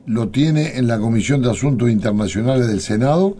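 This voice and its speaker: A man with a Uruguayan accent, a guest in a radio interview, answering in a measured, deliberate way with many pauses. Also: medium pitch, lively intonation, dark tone, a little hiss or hum. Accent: Uruguayan Spanish.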